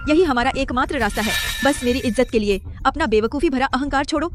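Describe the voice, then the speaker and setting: A woman's voice: sits high, fast, natural voice. An actress playing a proud businesswoman who pleads with and scolds her estranged husband, in a dubbed short drama. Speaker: wife.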